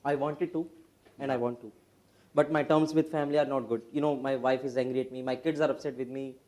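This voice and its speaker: A man's voice: medium pitch, fairly even intonation, warm tone. An Indian-accented man playing a stressed, boastful tax lawyer who bursts into agitated rants. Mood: dejected. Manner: rapid agitated outbursts, mixes Hindi and English. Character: frazzled overworked male tax lawyer, anxious, boastful. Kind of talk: stage drama acting.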